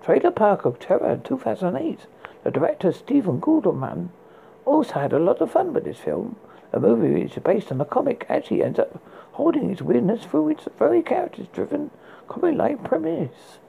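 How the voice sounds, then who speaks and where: A performer playing a spooky horror host, reading recommendations in a husky, gravelly voice with a halting, stumbling delivery. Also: medium pitch, big pitch swings, mellow, a little hiss or hum, poor audio. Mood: playfully macabre. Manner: halting read with stumbles and repeated words. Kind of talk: scripted horror book and film recommendations read as a horror host.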